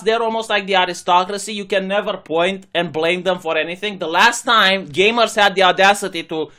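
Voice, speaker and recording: A man's voice: high voice, fairly bright tone. A young man from Romania, a channel host, giving sarcastic opinion commentary. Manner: sarcastic, mocking imitations of critics.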